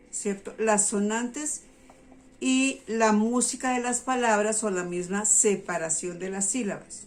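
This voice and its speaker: Patient woman teacher explaining to parents. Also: medium pitch. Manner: patient, checks in with listeners often.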